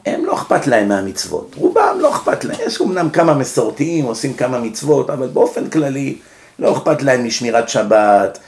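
A man's voice: medium pitch, very animated, a little mellow, a little hiss or hum. A man with an Israeli accent gives an informal religious lecture in a didactic way, asking questions and answering them himself. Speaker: rabbi giving a religious lecture. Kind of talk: informal Torah lecture to an audience. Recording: echoey room.

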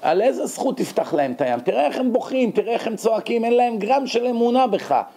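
A man's voice: extremely high pitch, animated, mellow, slightly rough, voice pushed up, exaggerated voice. A man voicing Satan as an indignant male prosecutor arguing his case in a heavenly court. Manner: argumentative, pleading a legal case.

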